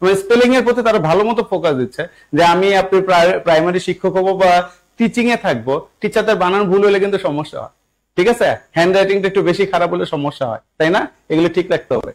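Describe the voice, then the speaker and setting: This English teacher for job exams, a young Bangladeshi man, talks very fast in a high-pitched voice, and the recording is rough. Teaching a spelling lesson to a live online class, he repeats himself, coaxes his students, and keeps checking that everyone is following.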